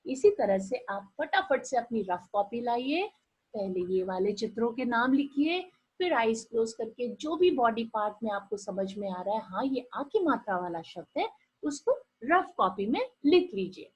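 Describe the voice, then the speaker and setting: A woman teaching small children in a sing-song voice that rises and falls widely. She sounds a little husky and slightly high, and she speaks very slowly so each sound comes through clearly. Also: animated, lo-fi sound. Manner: slow, sing-song and encouraging, drawing out sounds and asking the children questions. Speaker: primary school teacher. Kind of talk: online Hindi lesson for young children.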